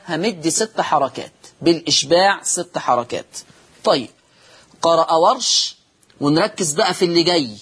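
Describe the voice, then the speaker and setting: Husky Egyptian man teaching Quran recitation. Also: high-pitched, a bit bright. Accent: Egyptian Arabic. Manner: explains step by step, asks and answers his own questions. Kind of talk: TV lesson on Quran reading rules.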